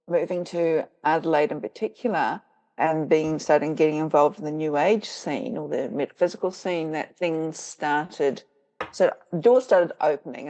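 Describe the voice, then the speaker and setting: This is a conversational interview with a guest, a middle-aged witch and author from rural New Zealand who has a New Zealand accent. Her voice is low and warm, the recording's highs are cut off, and she tells her story reflectively and easily, laughing readily.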